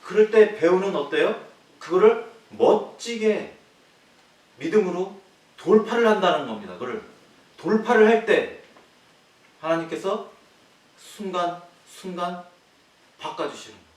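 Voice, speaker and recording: A male pastor preaching a sermon, posing rhetorical questions to the congregation and swinging between loud emphatic lines and quiet low ones. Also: lively intonation, measured pace, pauses often. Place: church sanctuary. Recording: echoey hall, distant mic, faint hiss.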